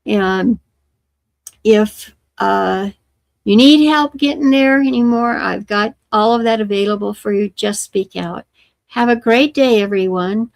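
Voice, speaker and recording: An older woman talks slowly into a close microphone, with a gravelly edge to her fairly high voice. She gives a casual live-stream update, halting and restarting as she goes. The sound is dry and close. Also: no room sound. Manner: halting, many fillers and restarts. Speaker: livestream host.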